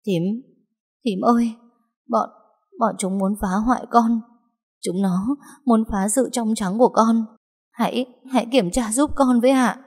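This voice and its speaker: A woman's voice: mid-range voice, moderate pace, a little mellow, husky, lightly acted. A woman voicing a frightened sixteen-year-old girl who stammers through her tears, in a storybook reading. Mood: tearful pleading. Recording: long hall reverb.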